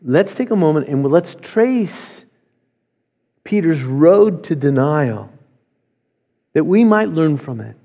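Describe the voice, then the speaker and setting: A man preaching a sermon, reading scripture slowly and deliberately. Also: fairly high pitch, sing-song, mellow, long reverb tail, highs cut off. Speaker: pastor.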